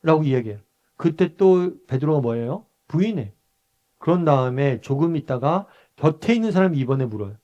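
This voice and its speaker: A man's voice: on the high side, animated, a little fast, dark tone, muffled recording. A male pastor from Busan teaches a Bible study in a conversational way. He asks the group questions, answers them himself, and acts out short quoted lines in a raised voice. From Busan, South Korea.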